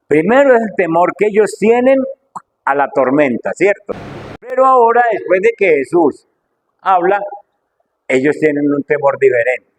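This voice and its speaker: Man, preacher, sermon, fervent, rhetorical questions, big swings up and down, fairly high voice. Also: poor audio. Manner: fervent, full of rhetorical questions, wide swings in pitch and loudness.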